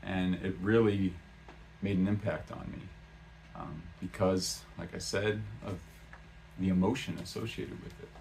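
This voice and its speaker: A man's voice: low voice, fairly even intonation, unhurried, creaky, darkish tone, a little hiss or hum. A man talking casually in a vlog about learning a language, rambling with lots of "um" and "uh" and restarting his sentences. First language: English. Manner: rambling, many fillers and restarts.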